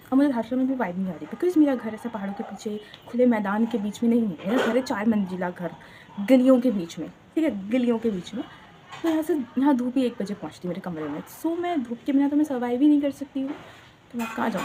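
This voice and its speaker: A woman's voice: a little high, mellow, slight background noise. A young woman from Uttarakhand chatting casually to her channel, switching between Hindi and English with dramatic asides. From Uttarakhand, India. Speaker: vlogger.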